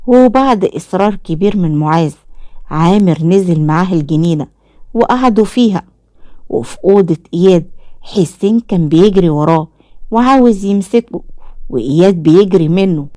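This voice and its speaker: A woman's voice: fairly low pitch, expressive, brisk, warm tone, no echo, studio quality. A woman with an Egyptian accent narrating a dramatic story in a scripted storytelling style. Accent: Egyptian Arabic.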